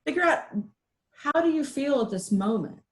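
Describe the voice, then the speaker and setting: Speaking at a normal speed in a high voice, a middle-aged woman gives a relaxed, talkative webinar over video call. She's lively and self-deprecating.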